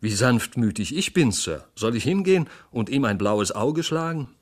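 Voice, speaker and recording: A man voicing a loud, hot-tempered older male office clerk who bellows and itches for a fight. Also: mid-range voice, sing-song, normal speed. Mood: boisterous. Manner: bellowing, pugnacious.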